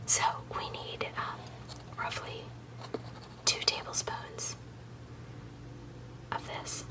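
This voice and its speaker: A woman hosting an ASMR recipe video, speaking in a soft, unvoiced whisper as she explains each step in a chatty way. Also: slow pace, far from the mic. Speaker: video host.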